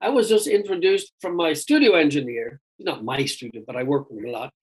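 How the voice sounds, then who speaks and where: A man's voice: fairly high pitch, fairly quick, husky, low-quality recording. Chatty rambling male singer guest. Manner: chatty, rambling, says "dude" a lot. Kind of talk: casual chat.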